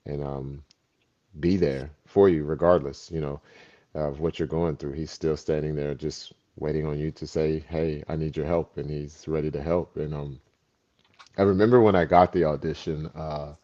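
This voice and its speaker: A man's voice: a bass voice, steady tone, moderate pace, warm tone. A man, an actor, reflecting and telling stories in a casual conversation. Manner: reflective, storytelling. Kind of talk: casual chat. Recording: dull lo-fi sound.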